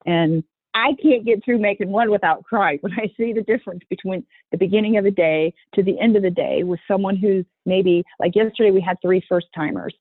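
A woman's voice: medium pitch, brisk, dry recording. Earnest woman on a tinny phone line. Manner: earnest, restarts often, acts out voices when quoting. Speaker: guest running a youth horse program. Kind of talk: conversational interview.

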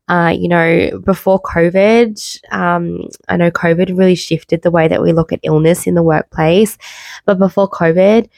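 A woman podcast host with a cold and low energy, talking candidly and informally in a personal monologue. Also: vocal fry, dry recording. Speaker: podcast host, wellbeing coach. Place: bedroom, sitting on bed. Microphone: makeshift mic, not usual podcast microphone.

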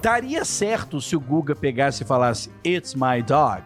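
A man hosting a casual podcast English lesson, acting out example phrases in a lively way. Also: medium pitch, measured pace, soft background music. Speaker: English teacher, podcast host.

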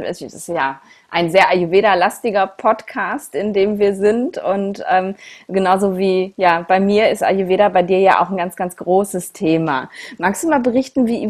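Effusive woman hosting a casual podcast chat. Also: mid-range voice. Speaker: podcast host and interviewer.

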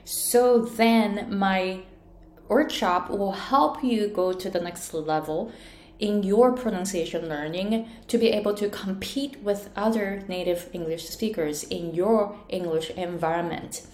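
A woman's voice: mid-range voice, very slow, darkish tone. Woman coaching pronunciation, drags out sounds to show them, echoey room. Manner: demonstrates sounds by exaggerating them. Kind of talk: bilingual pronunciation lesson. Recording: roomy echo.

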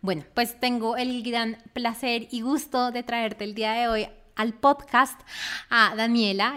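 Effusive woman podcast host, fairly high voice. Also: a bit bright, clear, resonant tone. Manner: enthusiastic, effusive. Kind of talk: casual podcast interview.

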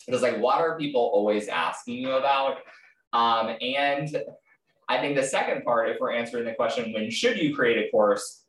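A podcast host chats casually during an interview, using lots of fillers and restarts. His medium-pitched voice is fairly bright at a normal speed. The sound is roomy and he's distant from the mic.

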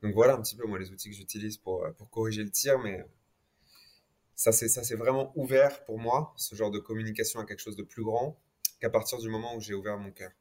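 A man's voice: on the low side, fairly even intonation, fairly quick, darkish tone. A man speaking as an interview guest, reflecting conversationally on his experience and dropping occasional English words into his French.

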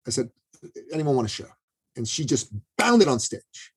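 A man's voice: mid-range voice, big pitch swings, normal speed, breathy edge. A man telling a story as a podcast guest, talking casually and often checking in with "you know" and "right". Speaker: business coach.

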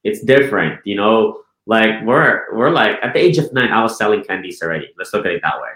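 On a low-quality recording with roomy sound, a Filipino man who leads a real estate team chats casually in an interview. His fairly low voice is brisk and a bit bright, and he often repeats words, restarts his sentences and checks in with "right?"

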